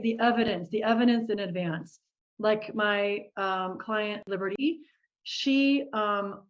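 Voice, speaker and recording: A woman leading a live online group coaching session, upbeat and encouraging, often laughing as she talks to participants. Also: mid-range voice. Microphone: video call. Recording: dull lo-fi video call audio.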